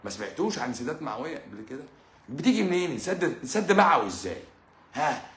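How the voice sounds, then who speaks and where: A man's voice: a little high, very animated, fast, a bit bright, echoey room. A man with an Egyptian accent, a doctor talking casually to his audience in a sarcastic, mocking way, full of rhetorical questions. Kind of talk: casual live monologue.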